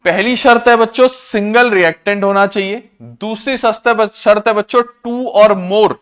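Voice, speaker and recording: A man teaching a class, repeating key terms, slowing down to dictate definitions and quizzing students on what was just said. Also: sits high, clean tone. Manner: slows to a dictation pace for English definitions; addresses students as children. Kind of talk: classroom lecture.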